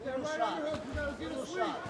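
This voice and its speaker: Male fight coach, strained very high calls, short repeated orders, buried in loud crowd noise. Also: fairly even intonation, normal speed. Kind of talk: shouted corner instructions.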